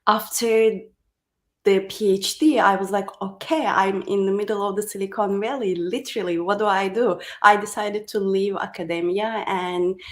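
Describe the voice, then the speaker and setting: A woman's voice: medium pitch, moderate pace. A woman in her thirties from Turkey, a coach speaking as a podcast guest in casual talk, articulate and often using "like". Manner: articulate, uses "like" as filler. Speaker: guest, high performance coach.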